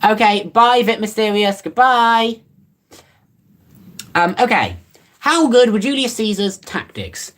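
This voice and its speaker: Casual streamer with an animated, up-and-down delivery. Rambles offhand, dry and teasing. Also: mid-range voice, slow pace, pauses often. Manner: rambling and offhand, many fillers and restarts. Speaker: livestreamer. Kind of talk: casual livestream chat, reading comments.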